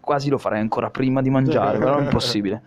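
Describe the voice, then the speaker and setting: Young adult male guest, casual, blunt, sweary, slang-heavy chat, mid-pitched. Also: rapid-fire, crowd noise. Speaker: podcast interview guest.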